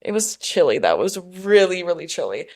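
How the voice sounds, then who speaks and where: A woman co-host rambles through a story in loose, casual chat. Her voice sits a little low, and she leans hard on "like" and drops swear words freely. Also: big pitch swings, moderate pace, a little mellow. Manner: rambling, swears often, lots of "like". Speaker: podcast co-host.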